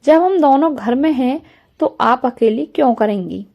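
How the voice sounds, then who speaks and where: A woman's voice: sits high, lively intonation, moderate pace, creaky, muffled recording. A woman voicing a shy, dutiful young bride who speaks politely and eagerly in a storybook reading.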